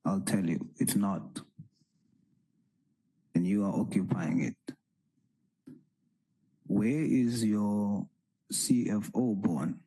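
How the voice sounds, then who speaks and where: A man grills a witness at a hearing, asking slowly and insisting on answers. His voice is low and husky, with a dark tone. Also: rough recording. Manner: slow, pressing, repeats his questions. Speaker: parliamentary committee member. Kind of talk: formal questioning at a hearing.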